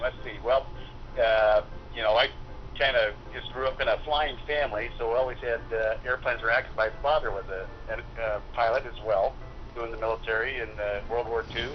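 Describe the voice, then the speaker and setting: A middle-aged man from Utah, an airline pilot, talking calmly over a speakerphone and explaining things with frequent pauses. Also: mid-range voice. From Utah, USA. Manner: calm, explanatory, pauses often to think. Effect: heard over a speakerphone. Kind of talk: casual phone interview. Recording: muffled speakerphone call with steady noise.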